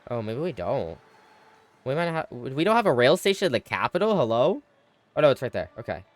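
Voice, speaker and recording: A man streams a strategy game, chatting casually with viewers and thinking aloud with frequent exclamations, though he sounds a little tired and yawns. His medium-pitched voice is sing-song and brisk, recorded dry.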